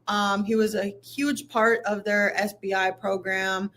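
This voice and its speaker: A young woman from Minnesota talks through a casual sports interview as a guest. She speaks at a middle pitch, loose and chatty, padding her thoughts with "um" and "like.". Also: flat delivery, measured pace, fairly bright tone. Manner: chatty, many fillers like "um" and "like". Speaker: guest, women's basketball commentator.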